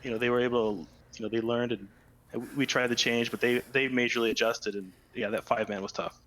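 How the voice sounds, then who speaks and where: Halting, easygoing man in a team interview. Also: mid-range voice, little pitch movement, a bit bright, rough recording. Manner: halting, many fillers, easygoing. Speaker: team player interviewed after match. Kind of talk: casual post-match interview.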